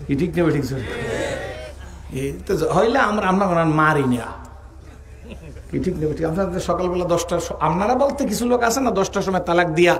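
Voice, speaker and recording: A man's voice: sits high, quick pace. A man preaching a sermon, telling jokes and asking the crowd to answer aloud. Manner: joking storyteller. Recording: echoey sermon hall recording.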